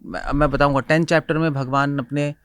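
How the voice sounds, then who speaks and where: This man speaks with a fairly high, steady, fairly bright and clean voice at a brisk pace, recorded in studio quality with no echo. He's a spiritual teacher chatting casually about scripture, switching between Hindi and English, quoting Sanskrit verses and laughing a lot.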